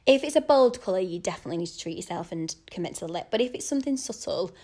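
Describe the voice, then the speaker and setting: Chatty woman, slightly croaky. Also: lowish voice, expressive, racing, dark tone. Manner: chatty, giving friendly practical tips. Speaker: wedding makeup artist, podcast co-host. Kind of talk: casual podcast chat.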